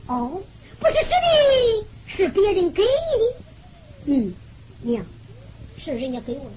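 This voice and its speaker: A woman's voice: extremely high pitch, huge pitch swings, measured pace, a little mellow, heavily acted, rough recording. A woman doing a humble young son with a Henan accent. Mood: hesitant. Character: poor, dutiful young son, earnest and guarded.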